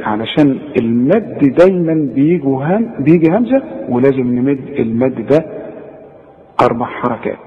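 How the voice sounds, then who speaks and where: A man with an Egyptian accent teaching Quran recitation informally, correcting the listener directly and demonstrating each sound. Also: mid-range voice. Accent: Egyptian Arabic. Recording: long reverb, dull lo-fi sound.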